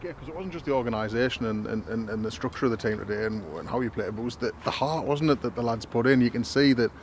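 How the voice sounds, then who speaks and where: A man's voice: mid-range voice, fast talker, a little hiss or hum. A man interviewing a player after a match outdoors, asking leading questions that back the club.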